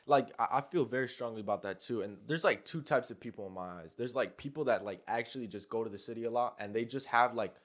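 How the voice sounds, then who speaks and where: A man's voice: mid-range voice, fast talker, hardly any pauses. A young man from New Jersey hosting a casual podcast, blunt and swearing freely as he tells stories. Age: young adult. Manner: blunt, profane, storytelling. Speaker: podcast host. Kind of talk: casual chat.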